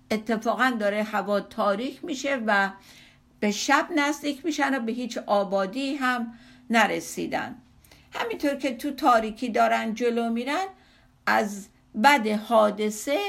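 A woman's voice: fairly high pitch, vocal fry, a bit bright. A woman patiently explaining and retelling a story from a classical poem, in a conversational teaching manner.

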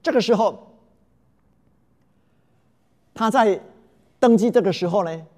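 Lecturing to an audience, a man with a voice that sits high tells parables, his loudness swinging dramatically and his speech full of drawn-out fillers.

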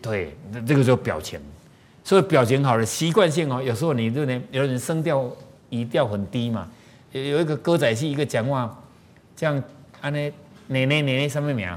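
This male spiritual teacher with a Taiwanese Mandarin accent preaches animatedly, peppering listeners with rhetorical questions. He talks slightly quickly at a mid-level pitch.

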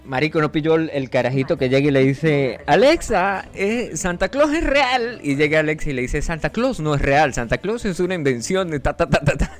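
A man's voice: fairly high pitch, fast talker, few pauses, soft background music. A man hosting a comedic radio show, telling anecdotes and acting out voices. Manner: joking, acts out voices in anecdotes.

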